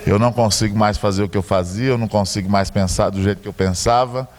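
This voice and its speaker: A man's voice: fairly low pitch, fairly even intonation, fast, a little mellow, in a large hall, natural voice. A man with a Brazilian Portuguese accent quoting a tearful woman, a former sex worker, confessing during a sermon.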